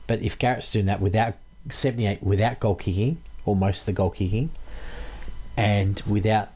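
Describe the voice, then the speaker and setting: A man's voice: lowish voice, fairly even intonation, normal speed, darkish tone. A man co-hosting a casual fantasy sports podcast, giving his analysis in a conversational, tentative way. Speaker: podcast co-host.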